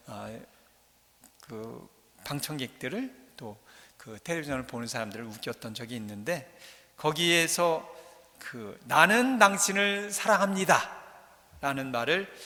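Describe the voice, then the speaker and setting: Male priest, sermon, middle-aged, conversational and joking, bright forceful tone, long church reverb. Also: medium pitch. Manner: conversational, joking, asks the congregation questions. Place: large church.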